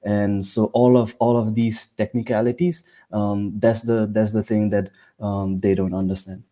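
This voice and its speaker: A man from Nepal, speaking in a low, level voice. His tone is mellow and relaxed. He explains things haltingly in casual conversation. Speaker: speaker in a live audio chat. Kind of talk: casual chat.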